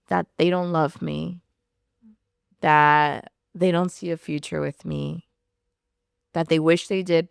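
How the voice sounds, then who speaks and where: A woman's voice: deep voice, vocal fry, clean tone, no echo, studio quality. A woman telling her personal faith testimony in an earnest, storytelling way, often saying "like". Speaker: podcast guest sharing testimony.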